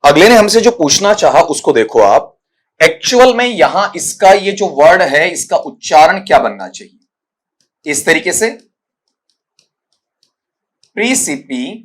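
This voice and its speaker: A middle-aged male teacher giving an exam-prep grammar lesson, with a slightly raised voice. He explains step by step, calls his students "beta," and slows down to spell out English words sound by sound. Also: on the high side, sing-song. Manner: mixes English grammar terms into his talk.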